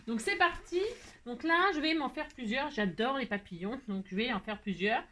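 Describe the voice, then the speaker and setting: A woman's voice: a little high, expressive, moderate pace, pushed and bright. Chatty woman crafting over a noisy table. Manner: chatty, answers herself with "si", makes playful sound effects; gets annoyed by mistakes, then laughs it off. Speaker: crafting video host. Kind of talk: casual tutorial chat. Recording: noisy home recording.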